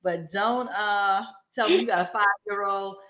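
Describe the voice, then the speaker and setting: Speaking at an unhurried pace in a mid-range, slightly bright voice, a fifty-something woman tells chatty stories and acts out quotes in casual conversation. The recording has a dull, echoey room sound.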